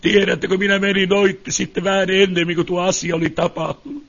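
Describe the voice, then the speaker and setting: A fervent male preacher with a high voice that climbs into pleading cries. He keeps asking the crowd "you know?" as he speaks. The recording is dull and lo-fi. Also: level tone, gravelly, fairly bright tone. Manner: fervent, rising to pleading cries, many asides to the listeners. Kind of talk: sermon. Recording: dull lo-fi sound.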